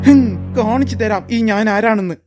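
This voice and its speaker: A woman voicing a jumpy grown cartoon man who moves between whiny panic and gruff threats. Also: medium pitch, normal speed, over music, close to an everyday voice. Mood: threatening.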